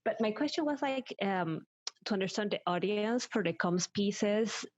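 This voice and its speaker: A woman from Peru, asking questions in a video call, excitable and laughing. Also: medium pitch, normal speed, dry recording.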